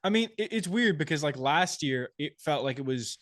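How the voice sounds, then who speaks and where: A man's voice: a little high, animated, a bit bright, dry recording. Dry-sounding male podcast co-host. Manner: thinks aloud, restarts phrases, measured opinions. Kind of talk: casual sports chat.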